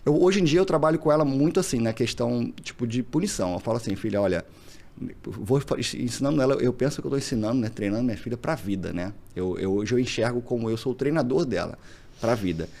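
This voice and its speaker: A Brazilian man talks quickly in a gravelly voice, chatting casually as an interview guest. He tells his stories with energy and slips into the voices of the people in them. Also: mid-range voice. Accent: Brazilian Portuguese. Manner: animated storyteller, acts out dialogue. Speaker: podcast guest, single father.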